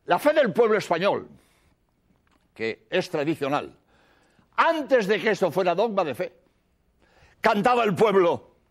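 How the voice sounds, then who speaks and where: A man delivers a sermon in a high, lively voice that swoops up and down. He is emphatic and hammers his points home by repeating them. He explains doctrine through plain everyday examples. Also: measured pace, pauses often. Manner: emphatic, repeats key phrases. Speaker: priest.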